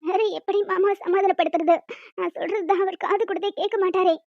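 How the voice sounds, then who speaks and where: A woman voicing a meek, tearful young cartoon woman who pleads and apologizes, in a very high, small voice. The recording is dull, dry and lo-fi. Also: steady tone, fast talker, no echo. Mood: pleading.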